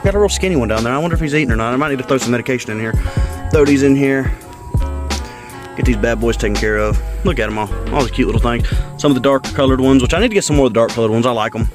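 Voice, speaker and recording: In a casual outdoor pet vlog, a breathless man of medium pitch speaks rapid-fire, rambling as he tends his backyard fish ponds and describes each job. The pet keeper vlogger's voice is topped by loud hip hop backing music.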